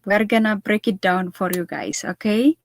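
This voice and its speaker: A woman from Ethiopia hosting a live stream on her business page, excited and bubbly and laughing often. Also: medium pitch, normal speed, dry recording. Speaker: host.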